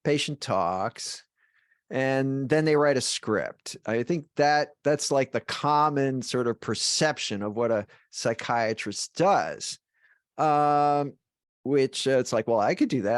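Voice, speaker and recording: A man's voice: mid-range voice, dry recording. Male podcast host, casual, musing, dry close recording. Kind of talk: conversational interview.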